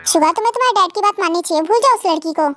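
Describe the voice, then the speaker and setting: A woman's voice: extremely high pitch, expressive, very fast, a bit bright, no room sound. A woman voicing a stubborn young man who defies his father, in a fan drama. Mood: defiant. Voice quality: stubborn, defiant.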